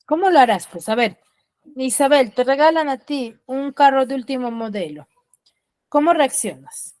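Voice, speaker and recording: A woman's voice: high voice, animated, darkish tone, no room sound. Patient woman teacher checking in constantly. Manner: explains patiently, tags sentences with quick checking questions; reads example sentences with acted feeling. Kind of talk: online class lesson. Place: online class from home.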